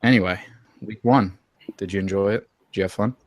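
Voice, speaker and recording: A young man with a lowish voice hosts a comedic fantasy football chat, gloating over his win and hamming it up with mock drama. His voice is close and dry, with no room sound around it. He talks in a theatrical, trash-talking way. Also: fairly quick, no echo. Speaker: podcast host.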